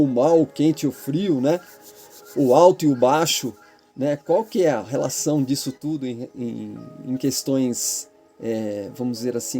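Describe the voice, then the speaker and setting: A middle-aged Brazilian man talking to his channel's listeners in a reflective, rambling monologue, often tagging his sentences with a questioning "né?" and pausing on filler sounds. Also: mid-range voice, warm tone. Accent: Brazilian Portuguese. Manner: rambling, keeps adding the tag "né?" and filler "é". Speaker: channel host.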